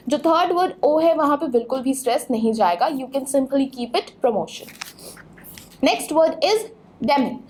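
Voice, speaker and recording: High-voiced woman teaching pronunciation. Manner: clear, instructive, stresses words by spelling them out. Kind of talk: explanatory lesson.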